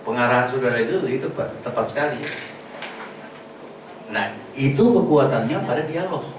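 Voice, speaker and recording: Guy running an acting workshop, demoing how a word changes with tone, sounds far off in a boomy room. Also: animated, normal speed. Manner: instructive, demonstrates words with varied intonation. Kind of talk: lecture to a workshop. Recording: echoey room recorded from a distance with background noise.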